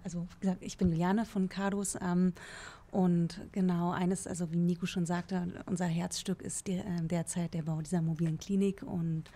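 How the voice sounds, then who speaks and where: Hesitant woman with a low, flat voice. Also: normal speed. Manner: hesitant, filler-heavy. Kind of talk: workshop self-introduction. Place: bright office meeting room.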